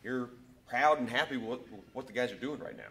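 Brief: middle-aged male sports host, mid-pitched, smooth and chatty. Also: a little fast, sharp tone, a little hiss or hum. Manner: smooth, scripted intro then chatty questions. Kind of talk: local sports interview hosting. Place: school wrestling room, indoors.

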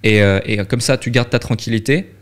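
A young Swiss man, a podcast guest, speaks in a mid-range voice a little fast, casually telling his story with many fillers and restarts. It's a candid storytelling interview recorded on a boom-arm studio mic with headphones, in a dark podcast studio lit red.

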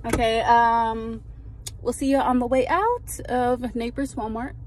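A woman's voice: fairly high pitch, fairly even intonation, a little slow. A young adult woman, a mother, chatting casually and teasing playfully in a vlog from a car. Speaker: vlogger and mother. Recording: car and street noise behind.

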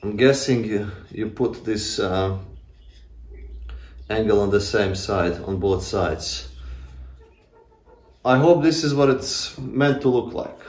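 A man in his thirties, a homesteading vlogger, talks casually to camera while working in a stone workshop shed, holding his phone at arm's length. His lowish voice moves slowly with frequent pauses, and his chat is self-deprecating and full of fillers. The shed is echoey, with faint background noise.

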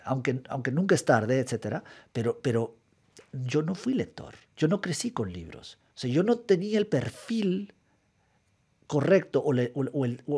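This is a middle-aged man from Guatemala, a writer, answering reflectively and methodically in a radio studio, repeating words as he gropes for them. His voice sits in the mid-range, mellow and husky, captured on a studio microphone.

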